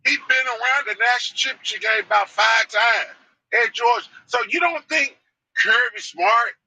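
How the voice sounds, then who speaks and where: A man talks sports as a guest on a casual show. His voice is high for a man, very bright and husky. He gets excitable and shouts to stress his points. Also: moderate pace, no echo, rough recording.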